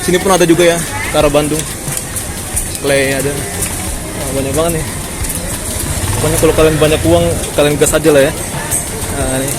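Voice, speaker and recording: Strolling through a crowded outdoor street in the city, this Batak-accented vlogger from Jakarta talks to his audience like they're friends. He speaks a little high in a steady tone at a moderate pace, pausing often, with crowd sounds and music in the background.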